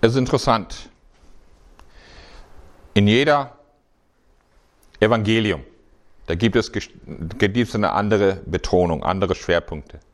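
Low-voiced man preaching informally. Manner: conversational, halting, many restarts. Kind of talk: sermon.

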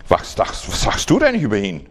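Male reader as hostile interrogators; animated, low register. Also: normal speed, slight background noise. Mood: accusing. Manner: accusing, interrogating. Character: hostile male religious leaders, accusing.

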